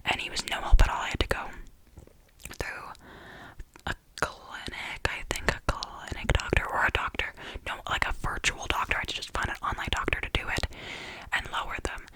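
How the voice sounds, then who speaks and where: A woman's voice: normal speed, sharp tone, dry recording, rough recording. A woman venting in a casual ASMR whisper, exasperated and sardonic, rambling and repeating her phrases. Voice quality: whispery, breathy with creaky edges. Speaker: ASMR creator.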